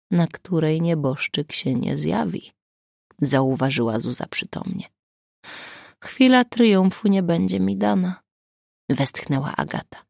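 An audiobook narrator reads a scripted text in a low, creaky, slightly mellow voice. The recording is dry and studio-clean.

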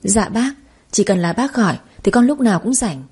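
A woman voicing a scheming young woman who flatters in a honeyed, ingratiating way. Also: mid-range voice, moderate pace, breathy edge. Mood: sugary flattering.

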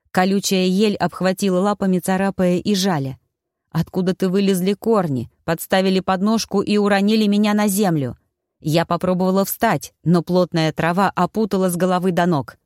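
A woman telling a fantasy story in the first person as an audiobook narrator, with lively, expressive delivery. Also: mid-range voice, moderate pace, no room sound, studio quality.

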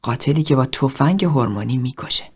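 A woman reading a cold, self-loathing middle-aged man in group therapy, speaking in a low, hushed, half-whispered confession. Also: husky. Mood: bitter.

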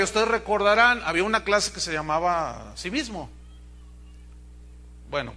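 Bright-voiced Mexican pastor preaching. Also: male voice, high-pitched. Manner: animated, acts out quoted voices with humor. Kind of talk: sermon.

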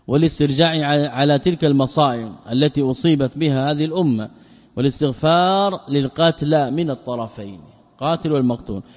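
A man's voice: on the high side, fast, a little mellow, big-room sound. A man, a scholar, giving a religious lesson, reading quoted passages aloud and then explaining them, often repeating key phrases. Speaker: Islamic scholar teaching a text. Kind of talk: recorded religious lesson, explaining a text line by line.

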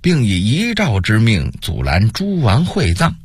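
A man voicing a shrewd, scheming older male monk advisor, speaking in a measured, persuasive way full of rhetorical questions. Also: fairly low pitch, wildly swooping pitch, husky, dry recording, studio quality, full character voice.

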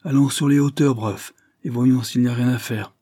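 A man voicing a distraught, nervous young gentleman in a Victorian audiobook, speaking anxiously with excited outbursts. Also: on the low side, normal speed, dry recording, studio quality, lightly acted.

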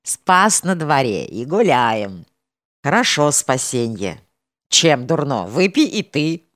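A woman voicing a boisterous, tipsy young soldier, loud and excited, in a storybook reading. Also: a bass voice, slow pace, no echo, clean studio sound, exaggerated voice. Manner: loud, excited, a bit drunken.

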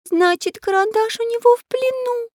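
A woman voicing a timid little girl with a high, piping voice. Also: expressive, normal speed, no echo, studio quality.

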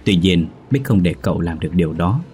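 A man narrating a ghost story in a steady, measured reading voice. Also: sits low, slight background noise.

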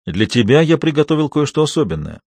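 Male reader voicing a menacing captor, measured and cold, low husky delivery, audiobook thriller. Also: dry recording. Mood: cold calm. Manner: calm, measured, coldly clipped. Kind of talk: audiobook reading.

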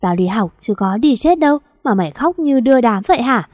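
Bossy gruff young master, read by a woman, curt scolding orders, dry recording. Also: a little high, expressive, a little fast, darkish tone, no echo.

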